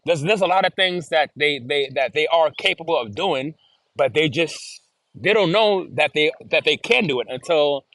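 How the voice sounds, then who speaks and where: A man's voice: on the high side, lively intonation, moderate pace, fairly bright tone, no room sound. A man talking as an interview guest in casual chat, earnest and given to repeating and restarting his phrases. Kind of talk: casual video-call chat.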